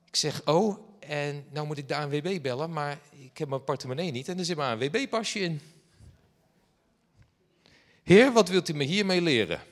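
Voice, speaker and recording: A man preaching, telling a personal story in a lively way and acting out the dialogue. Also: a little high, a little fast. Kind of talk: sermon anecdote. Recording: long hall reverb.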